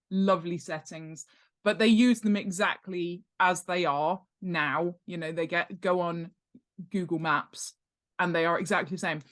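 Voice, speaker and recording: A guest author and world-building expert chats casually on a podcast interview, her manner chatty, playful and emphatic. She has a lowish voice with a slightly bright tone.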